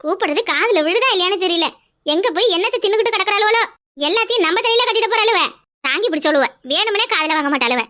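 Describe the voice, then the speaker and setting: A woman voicing a loud, quarrelsome middle-aged village woman in a cartoon, with a scolding, rapid-fire way of talking. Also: very high-pitched, animated, full character voice. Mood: grumbling. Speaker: cartoon character. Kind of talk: cartoon voice acting.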